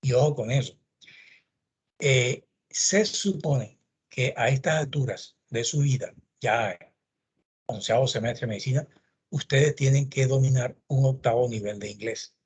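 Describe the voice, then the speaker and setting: A middle-aged man, a lecturer in forensic medicine, gives a talk full of anecdotes, acting out the dialogue as he tells them. His voice is medium-pitched and very husky, and he speaks a little slowly.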